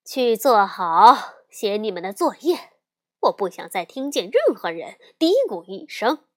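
A woman voicing a fed-up mother bear who scolds her family loudly in a storybook reading. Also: mid-range voice, very animated, a little slow. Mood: exasperated scolding. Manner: loud exasperated scolding.

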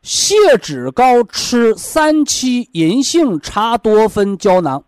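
High, animated man with a Northeastern Chinese accent. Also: slow, smooth, dry recording. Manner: colloquial, explains with homely analogies and repeats himself. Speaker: health expert advising callers on a radio programme. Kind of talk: folksy health advice to a caller.

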